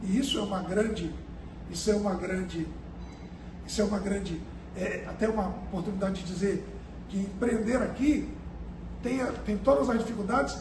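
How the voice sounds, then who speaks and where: A high-voiced man answers an interviewer earnestly, stopping to repeat words as he finds his point. He was recorded from a distance in an echoey room with clear background noise. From Brazil, Amazonas. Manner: earnest, deliberate, repeats words while searching. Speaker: company director, interviewee.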